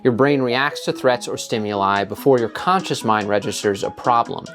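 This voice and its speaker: A man's voice: mid-range voice, moderate pace, over music. A man hosting a design video, giving scripted narration with an explanatory, punchy delivery.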